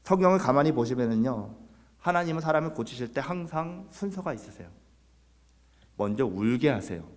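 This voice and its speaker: A man's voice: mid-range voice, animated, fairly quick, long reverb tail. A man preaching a Sunday sermon as pastor, earnest, putting rhetorical questions to his congregation. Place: church sanctuary.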